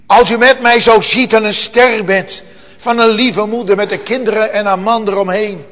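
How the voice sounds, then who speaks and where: A man preaching a solemn sermon, slow and earnest, rising at times to loud emotional cries. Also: high voice, fairly even intonation. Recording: long church reverb.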